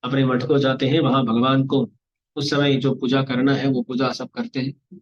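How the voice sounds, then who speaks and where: A man telling a devotional story of a saint in a lively discourse, acting out the dialogue. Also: medium pitch, moderate pace. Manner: animated, acts out dialogue of saints and God. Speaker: religious storyteller. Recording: muffled lo-fi recording.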